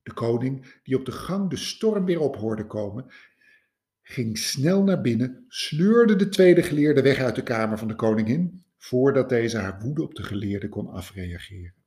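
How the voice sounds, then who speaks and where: A man reads a fairy tale aloud in a warmly paced storytelling voice. His melody rises and falls widely. His pitch sits in the middle range. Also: a little slow. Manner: expressive, lively. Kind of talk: storybook narration.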